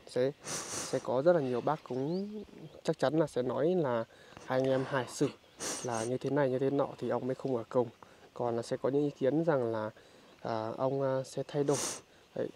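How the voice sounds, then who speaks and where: Man, halting speech, casual interview, outdoors, faint noise behind. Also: medium pitch, steady tone, mellow. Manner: halting, full of filler sounds. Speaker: vlogger visiting a poor family. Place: outdoors in a rural village.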